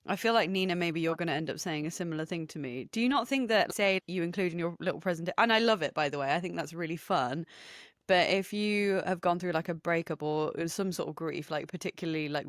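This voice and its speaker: A young woman chats as a podcast co-host, lively and questioning, often breaking into laughter. Her voice sits a little low for a woman. The sound is dry and close, with no room echo. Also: fast. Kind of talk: casual chat.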